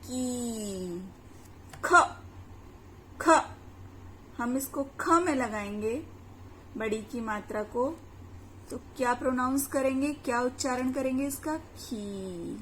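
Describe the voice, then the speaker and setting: A woman teaching children their letters, drawing out each syllable slowly for them to repeat and checking in with questions to the class. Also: high voice, steady tone. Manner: slow, drawn-out syllables for repetition. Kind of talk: children's Hindi letters lesson. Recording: echoey room with faint ambient noise.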